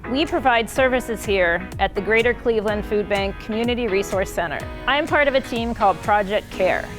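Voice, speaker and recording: Woman, director, prepared introduction, medium pitch, clear background music. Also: a little fast. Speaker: community initiatives director. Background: prominent music.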